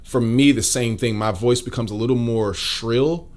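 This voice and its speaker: A man giving casual singing tips in a relaxed, explanatory way. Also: medium pitch, moderate pace. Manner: relaxed, explanatory, demonstrates as he talks. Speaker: singer giving vocal tips. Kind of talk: casual vocal lesson.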